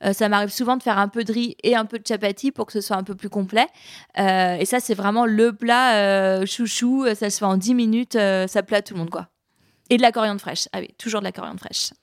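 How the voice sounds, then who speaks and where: A woman who cooks Indian food for a living, chatting in an interview and pausing often as she thinks aloud. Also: mid-range voice, fairly even intonation, smooth, dry recording, studio quality. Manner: hesitant, thoughtful, many pauses and restarts. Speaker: chef of Indian cuisine. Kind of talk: casual interview conversation.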